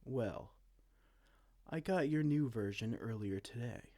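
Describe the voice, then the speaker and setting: An amateur roleplay audio performer voices a dorky, petulant evil king in a comedic fantasy scene, pompous, theatrical and exasperated. His voice is mid-range and a little mellow, and he takes it slowly.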